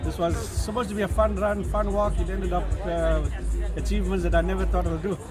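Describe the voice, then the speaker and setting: A man's voice: high voice, fairly even intonation, brisk. A middle-aged South African man chatting informally and encouragingly in a casual interview. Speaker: club runner being interviewed. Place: outdoors at a running club event. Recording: busy outdoor crowd, loud music behind.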